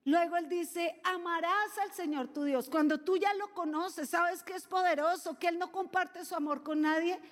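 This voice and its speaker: A woman preaching a sermon, animated and playful, with lively asides and mimicry. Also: very high-pitched, in a large hall.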